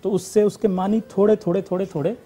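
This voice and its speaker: A man, an acting teacher explaining line delivery on a talk show in a measured, explanatory way. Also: high voice, steady tone, mellow. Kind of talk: studio talk show interview.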